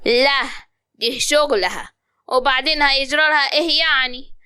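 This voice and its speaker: Bossy upper egyptian mother-in-law, bright high voice, always barking orders, a woman acting her. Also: moderate pace, no room sound. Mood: scolding. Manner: scolding, commanding.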